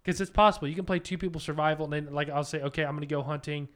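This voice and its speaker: A man's voice: a little high, fairly even intonation, racing, a bit bright. A man co-hosting a casual podcast with his partner, rambling and joking about himself. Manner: rambling, self-deprecating, jokey. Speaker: podcast co-host. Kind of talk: casual couple chat.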